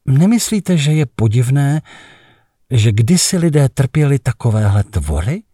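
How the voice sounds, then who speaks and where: A man's voice: mid-range voice, big pitch swings, mellow, husky, dry recording, clean studio sound, voice pushed up. A man voicing a cool, mocking, self-assured woman in a story reading, asking provocative questions. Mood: teasing.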